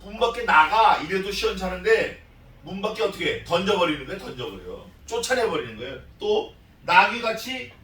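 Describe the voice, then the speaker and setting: A male pastor delivers an animated expository sermon, his voice high and bright. He keeps putting questions to the listeners and acting out the voices in scripture. The sound is roomy and a little distant, as if caught from across the sanctuary. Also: a little fast. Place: church sanctuary.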